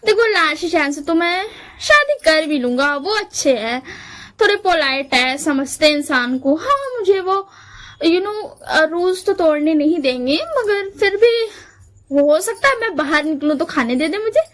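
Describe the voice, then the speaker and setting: A woman's voice: very high-pitched, animated, measured pace, fairly bright tone, heavily acted. A woman voicing a cheeky, complaining young man, ranting in a whiny, exasperated way.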